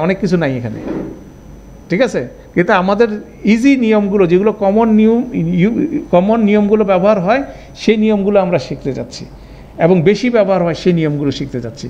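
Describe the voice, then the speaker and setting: A man, teaching an Arabic grammar class and explaining each step slowly with checking questions. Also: high-pitched, a little mellow, dull audio, slight background noise. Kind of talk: online class lecture.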